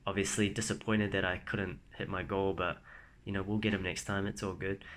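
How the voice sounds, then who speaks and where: A man's voice: low-pitched, little pitch movement, brisk, fairly bright tone, a little hiss or hum. A young man casually telling the story of his marathon in a vlog, leaning on "like" and "man". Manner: laid-back, says "like" and "man" a lot. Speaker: vlogger.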